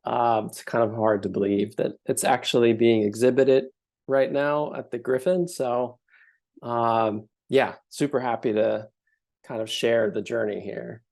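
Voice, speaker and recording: Gravelly man giving a talk. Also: medium pitch, fairly even intonation, measured pace, a little mellow. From Finland. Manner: thoughtful, hesitant with many fillers. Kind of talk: informal artist talk.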